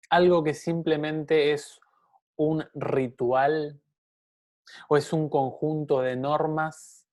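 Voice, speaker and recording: A man's voice: mid-range voice, darkish tone. Earnest man teaching the Bible. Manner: earnest, addresses listener directly with rhetorical questions.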